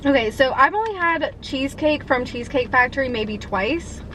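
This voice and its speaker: A food vlogger in her twenties chats casually and eagerly while eating on camera in a mukbang, answering viewer questions. Her high, bright voice has lively intonation and a forceful tone at a normal speed, with slight background noise.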